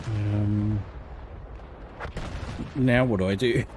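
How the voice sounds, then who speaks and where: A man's voice: lowish voice, fairly even intonation, very slow. A man doing casual live commentary as he streams his gameplay. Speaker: game livestreamer. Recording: faint game noise behind voice. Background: faint shooter game sounds.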